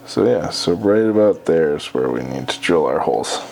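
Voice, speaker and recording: A man giving a casual hands-on how-to, talking haltingly as he thinks aloud while working. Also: a bass voice, animated, vocal fry, background noise. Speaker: host of a hunting and craft how-to show. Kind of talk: casual hands-on tutorial narration.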